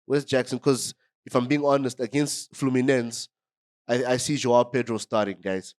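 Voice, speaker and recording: A man with a groggy voice from a cold gives a casual fan review of a football match. He sits at a middle pitch and keeps addressing his viewers directly, getting excited as he goes. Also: normal speed. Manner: excitable, talks straight to viewers. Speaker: football fan channel host.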